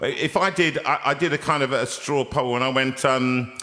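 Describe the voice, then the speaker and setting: An older British man hosting a casual, chatty interview in a lively, jokey, rambling way. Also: mid-range voice, moderate pace. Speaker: show host.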